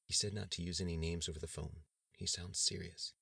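A man playing a hushed worried mother. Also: lowish voice, very animated, quick pace, creaky, slightly rough, no room sound, studio quality, pitched above the performer's own voice, exaggerated voice. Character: anxious young mother, gentle and worried.

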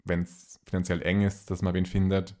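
Austrian guy, really low voice, casual personal interview talk, kinda emphatic. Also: monotone, moderate pace, mellow. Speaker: interview guest.

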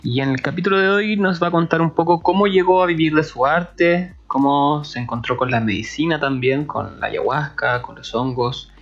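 Fairly high-pitched and talking at a moderate pace with hardly any pauses, a man opens his casual podcast by introducing a guest he looks up to. He's eager and warmly enthusiastic throughout the interview, and the sound is lo-fi.

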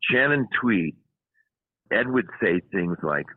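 Deep-voiced man telling stories. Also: takes it slowly, breathy edge, no echo, phone-quality sound. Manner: animated anecdotes, many restarts. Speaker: film writer and producer, guest. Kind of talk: storytelling interview.

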